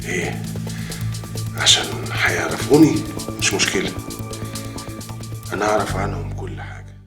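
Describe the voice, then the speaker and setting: Brief: actor for a cool Egyptian crime boss, lowish voice in a roomy space. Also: male voice, moderate pace, close to an everyday voice. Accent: Egyptian Arabic. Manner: calm, quietly menacing. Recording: roomy, music underneath.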